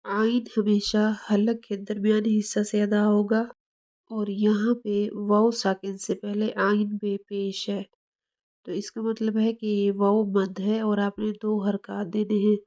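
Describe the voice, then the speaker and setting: A woman teaching recitation in a slow, patient way, stopping to sound out each letter. Her voice is mellow and soft-edged. Her pitch stays level and barely rises or falls. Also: level tone. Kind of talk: tajweed lesson.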